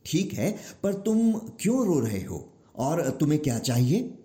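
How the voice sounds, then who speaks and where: A weary old creator god, as a male storyteller voices him, pleading and exasperated, his lines sliding up and down with feeling. He speaks unhurriedly and a little lower than the narration. The room gives the voice a noticeable echo. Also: sing-song, measured pace, mellow.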